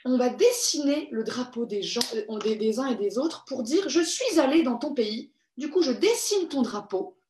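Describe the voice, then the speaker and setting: A woman's voice: on the high side, expressive, normal speed, hardly any pauses, darkish tone. Cheerful woman hosting a children's workshop. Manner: cheerful and encouraging, reads out viewers' comments. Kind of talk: live online craft workshop. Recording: echoey room.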